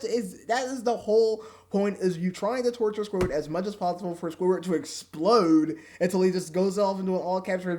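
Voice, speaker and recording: High-voiced man ranting on webcam. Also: a little mellow. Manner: indignant, ranting, repeats himself. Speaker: episode reviewer. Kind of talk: webcam rant review. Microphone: webcam mic.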